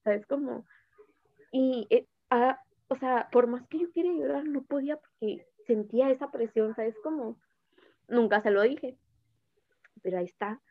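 A young woman with a Mexican accent speaks haltingly about a personal loss and often stops to search for words. Her voice sits a little high and has a strong gravelly fry. The sound is narrow and tinny, as if it were heard over a phone line. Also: dry recording. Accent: Mexican Spanish. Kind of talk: personal storytelling about grief.

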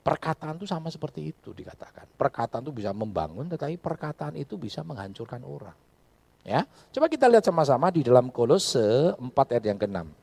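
A male pastor preaching a sermon in an animated style, breaking into loud emphatic bursts. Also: medium pitch, fairly quick, creaky, slightly rough, no room sound. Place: church.

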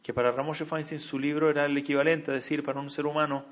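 A man's voice: a little high, flat delivery, fast talker. A man giving a storytelling sermon as a Torah teacher, building up emphatic, repeated phrases. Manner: rising, emphatic storytelling with many repetitions.

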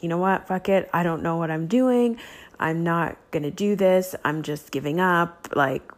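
Woman, solo podcast host, casual confessional talk, self-doubting, slightly low voice. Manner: candid, self-doubting, heavy use of "like". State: emotional, close to tears at times.

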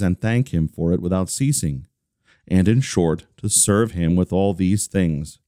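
A man giving a measured, deliberate reading of a religious catechism. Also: low-pitched, no room sound, clean studio sound. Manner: deliberate, steady, slowing on listed phrases. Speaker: reader of a devotional text.

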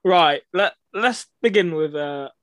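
Young male co-host, teasing and laughing, high animated voice. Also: quick pace, dry recording, studio quality. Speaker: podcast co-host. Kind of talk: casual chat.

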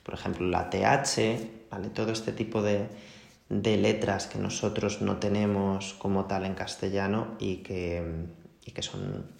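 A man's voice: fairly low pitch, steady tone, measured pace, creaky, a little mellow. A man with a Spain Spanish accent, an English teacher patiently explaining a lesson to his students, checking in often. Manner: patient, repeats "¿vale?" often. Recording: roomy echo.

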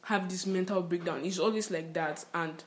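A young woman with a Nigerian accent, co-hosting a podcast, speaking in a reflective, gently questioning way. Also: fairly low pitch, fairly even intonation, normal speed. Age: young adult. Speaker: podcast co-host. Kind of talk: casual conversation.

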